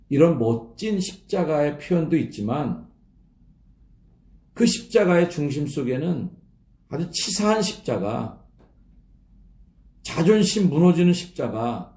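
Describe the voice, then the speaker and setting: A man's voice: medium pitch, gravelly, warm tone. A male pastor giving an early-morning sermon in a conversational way, sometimes acting out mocking voices. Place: church. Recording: echoey church room.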